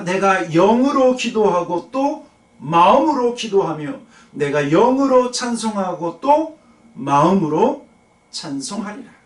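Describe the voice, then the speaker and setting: Male pastor, higher voice, preaching and asking the congregation questions; roomy, distant church sound. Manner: slows down to read scripture, asks the congregation questions. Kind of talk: sermon. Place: church sanctuary. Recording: echoey church hall, mic at a distance.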